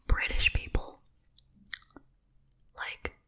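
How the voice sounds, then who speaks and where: A woman's voice: extremely slow, pushed and bright. A woman from Japan whispering a casual, rambling ASMR chat while chewing gum. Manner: rambling, giggly asides. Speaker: host of a rambling ASMR video.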